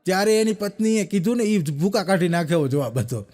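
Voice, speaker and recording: A man's voice: sits high, lively intonation, a little mellow. A man doing stand-up comedy, rattling off one-liners and acting out the dialogue in his stories. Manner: rapid joke-telling with quoted dialogue. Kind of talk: stand-up comic storytelling.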